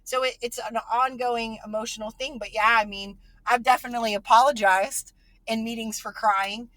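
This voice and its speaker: A woman's voice: fairly high pitch, fairly even intonation, normal speed, a bit bright, dry recording. A woman hosting a podcast and talking about her child, earnest and emotional, full of fillers and restarts. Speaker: podcast host and parent. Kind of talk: casual conversation.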